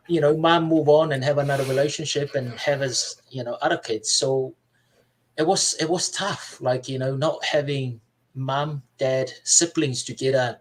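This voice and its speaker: Soft-spoken man from Samoa. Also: mid-range voice, poor audio. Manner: soft-spoken, halting, many fillers and restarts. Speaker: podcast guest. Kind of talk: personal life story in casual chat.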